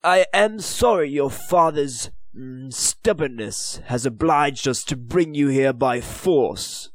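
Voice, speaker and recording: Man doing a haughty english lord, contemptuous, brisk, raised pitch, loud, dry close recording. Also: expressive, dry recording.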